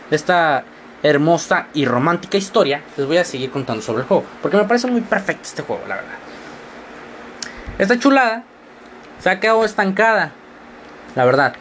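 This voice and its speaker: Slight background noise sits under this high-voiced sixteen-year-old boy from northern Mexico as he hosts a casual podcast. Carrying a mixed regional Mexican accent, he tells wandering, joking stories at his own expense, his tone shifting fast.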